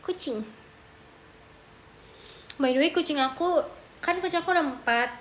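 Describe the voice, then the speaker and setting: A young Indonesian woman chatting on a phone livestream with a high voice. She talks at an unhurried pace and drops into cooing baby talk for her cat. A faint hiss sits under her voice. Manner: coos and baby-talks to her cat, reads chat aloud. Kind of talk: casual live stream chat.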